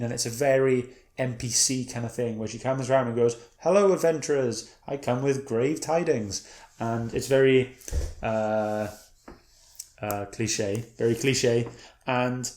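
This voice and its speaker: A man's voice: mid-range voice, darkish tone. A man casually reviewing a comic book, retelling the story in a meandering way and often correcting himself mid-sentence. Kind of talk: casual read-and-review chat. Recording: echoey room.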